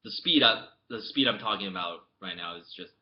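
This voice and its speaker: A young man from the US, a native English speaker, vlogs casually into his laptop webcam, restarting his rambling story often and veering from muttered asides to sudden loud outbursts. His voice is lowish and fairly quick, with the high frequencies cut off.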